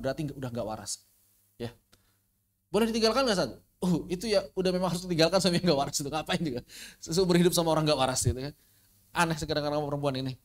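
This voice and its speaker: A man teaching an informal religious lesson online, asking rhetorical questions and swinging between quiet asides and animated emphasis. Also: on the high side. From Indonesia. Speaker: Islamic studies teacher. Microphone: online class recording.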